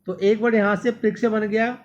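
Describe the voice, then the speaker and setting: High-voiced man teaching vocabulary. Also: little pitch movement, fairly quick, muffled recording. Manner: repeats words often and calls the students "my dear". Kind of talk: exam-prep vocabulary lesson.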